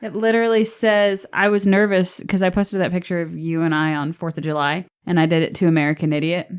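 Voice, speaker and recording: A woman with a fairly low-pitched voice co-hosts a podcast in a casual way. She teases her partner and keeps a quick, joking back-and-forth going. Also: level tone, clear, resonant tone. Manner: teasing and playful. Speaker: podcast co-host. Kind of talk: casual chat.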